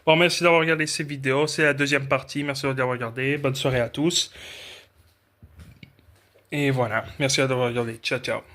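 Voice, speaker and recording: A man's voice: medium pitch, fairly even intonation, fairly quick, pauses often, a bit bright. A young man from France rambling casually through a food-tasting vlog, often correcting himself mid-sentence. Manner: rambling, chatty, frequent self-corrections. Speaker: food vlogger.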